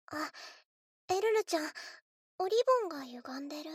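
A woman's voice: high-pitched, fairly bright tone, no room sound, clean studio sound. A woman voicing a lonely, bullied schoolgirl who talks to her dolls, in a childlike, plaintive way. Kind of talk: solo voice drama.

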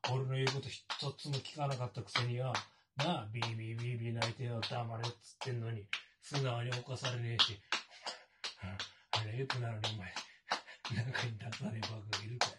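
A man's voice: medium pitch, level tone, a little fast, far from the mic, over loud music, close to an everyday voice. A man playing a sneering, coarse menacing captor. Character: menacing, cruel adult male captor. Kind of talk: adult audio drama acting.

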